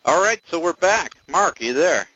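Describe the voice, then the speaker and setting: A man's voice: fairly high pitch, expressive, normal speed, sharp tone, lo-fi sound. A man hosting an interview, asking playful, stumbling questions. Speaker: podcast host. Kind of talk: casual interview.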